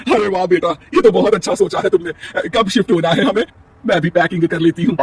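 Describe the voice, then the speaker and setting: A man's voice: high-pitched, a little fast, slightly rough, no echo, distant mic. A man voicing a partial, scolding middle-aged stepmother in a storybook tale. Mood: pleading.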